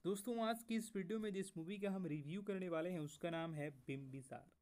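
A man hosting a movie review video, talking casually to viewers as friends and pausing now and then with fillers. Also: high voice, darkish tone. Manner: keeps addressing viewers as friends, halting with fillers. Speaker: movie review channel host.

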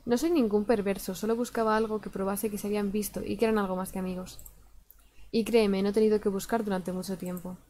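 A woman's voice: mid-range voice, fairly even intonation, quick pace, warm tone, a little hiss or hum, lightly acted. A woman reading out the lines of a cocky young male hacker friend in a plain, teasing voice. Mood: matter-of-fact.

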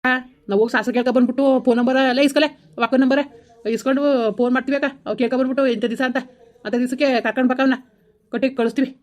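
A woman's voice: high-pitched, fairly even intonation, natural voice. A woman playing a furious village father. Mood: curt. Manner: harsh, scolding, rapid outbursts. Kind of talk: village comedy skit acting.

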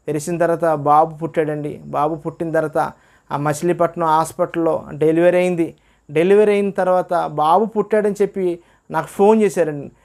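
A man's voice: fairly high pitch, steady tone, moderate pace, a little mellow. A man telling his personal religious testimony, acting out what others said. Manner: earnest storytelling, acts out quoted dialogue. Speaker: testimony speaker.

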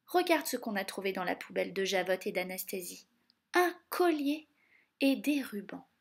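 A woman voicing a group of chattering little mice, eager and kind, in a squeaky, excited way, for a read-aloud storybook. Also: moderate pace, creaky, husky, heavily acted.

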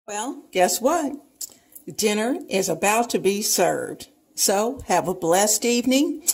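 A woman's voice: mid-range voice, a little hiss or hum, rough recording. A woman hosting a home cooking video, chatting casually and talking viewers through each step as she cooks in her kitchen.

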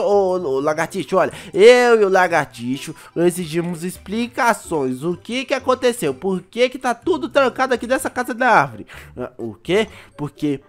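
Excitable Brazilian man in a game role-play. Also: high voice. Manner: excitable, full of exclamations and sighs. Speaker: gaming YouTuber.

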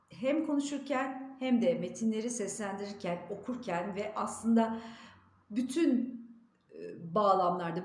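A woman with an Istanbul Turkish accent giving a diction lesson, carefully demonstrating how words are pronounced, her pitch jumping up sharply on each example. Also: darkish tone. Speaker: diction teacher. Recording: echoey room with faint ambience.

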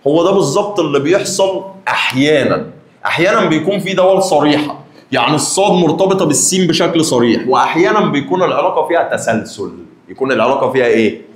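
A young man with an Egyptian Arabic accent, a math teacher giving a lively lesson and teasing his students directly. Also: a little high, quick pace, roomy sound.

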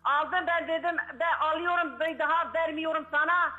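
A woman's voice: high voice, fairly even intonation, normal speed, pushed and bright. An older woman calling in to a talk show by phone, insistent and repeating herself. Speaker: caller on phone line. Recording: muffled phone line.

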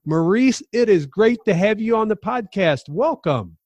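A man's voice: sits high, animated, measured pace, darkish tone, no room sound. Upbeat male podcast host, dry sound. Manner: enthusiastic, pep-talk delivery. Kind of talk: podcast interview.

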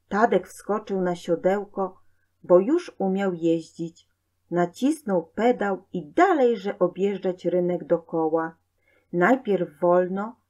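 A woman reading a children's story aloud in a clear, measured way. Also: lowish voice, a little mellow. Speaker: narrator.

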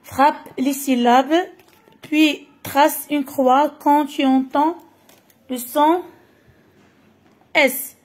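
Woman, Moroccan accent, Arabic native, children's phonics teacher, high voice, slow and repetitive. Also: steady tone, a little mellow. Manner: slow, repeats each word carefully. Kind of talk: French phonics lesson for children.

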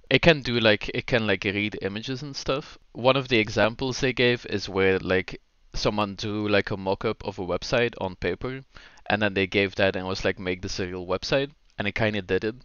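Young man, podcast co-host, casual chat, lots of "like" fillers, low smooth voice, dry slightly muffled recording. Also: normal speed, fairly bright tone, no echo. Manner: chatty, laughs easily, frequent "like" fillers. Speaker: podcast co-host, game developer.

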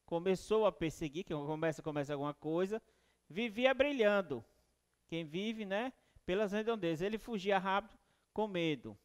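Lively Brazilian male teacher at the board. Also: sits high, smooth. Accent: Brazilian Portuguese, northeastern. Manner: explains step by step, often repeating a phrase as a teaching pattern. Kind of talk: recorded classroom lesson. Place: classroom with whiteboard. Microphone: headset mic.

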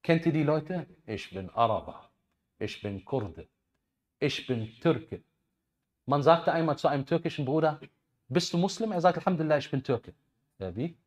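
A man in his thirties giving a lively sermon on a headset mic, swinging between loud bursts and quiet asides. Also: a little high, moderate pace, long pauses. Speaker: preacher.

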